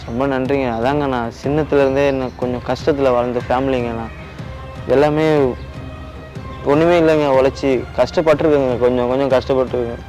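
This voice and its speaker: A man's voice: mid-range voice, fairly even intonation, a little fast, a little mellow, lightly acted, poor audio. A young man playing a broke, humble young man who pleads politely and cries over his debts. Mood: tearful. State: crying. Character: broke, tearful young man drowning in debt. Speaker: actor in a short video drama. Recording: background music under the voice.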